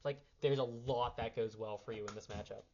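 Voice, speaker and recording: A muffled recording with slight background noise captures a young man with a medium-pitched, darkish voice speaking briskly with fairly even intonation. Slightly sick, he casually explains card game lines off the cuff as an impromptu strategy primer, rambling, correcting himself, and handling cards.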